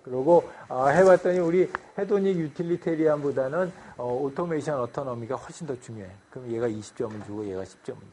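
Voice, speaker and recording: A man's voice: mid-range voice, fairly quick, hardly any pauses, darkish tone, slight background noise. Korean man lecturing with many fillers. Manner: explains step by step with many fillers and English loanwords. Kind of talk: university lecture.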